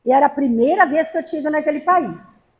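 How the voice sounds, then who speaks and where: Brief: high-pitched woman lecturer from Brazil, humorous storyteller. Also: fairly quick, a little mellow. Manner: storytelling with acted quotes and humor. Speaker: spiritist lecturer. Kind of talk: spiritist talk to a gathering. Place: spiritist center hall.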